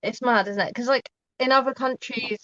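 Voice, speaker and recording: A woman co-hosting a podcast from home, chatty and upbeat, quick to agree with her guest. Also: a little high, steady tone, bright, forceful tone, no echo. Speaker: podcast co-host. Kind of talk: casual podcast chat. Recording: dull lo-fi sound.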